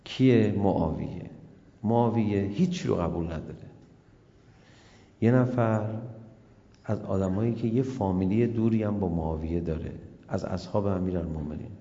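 Gravelly dark-voiced guy preaching a story sermon, acts out the voices, dull recording, long hall echo. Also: low voice, long pauses. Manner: acts out quoted voices, swings between loud and hushed.

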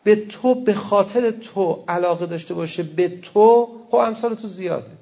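A man preaching in an easy, conversational way, breaking off for wry asides and quoted verse. His voice sits high for a man and has a gravelly edge. The recording sounds dull and lo-fi. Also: dark tone. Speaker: cleric. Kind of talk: sermon.

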